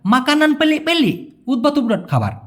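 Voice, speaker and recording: A man teaching a language lesson in a casual spoken style, explaining words one by one and repeating phrases slowly. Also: very high-pitched, sing-song.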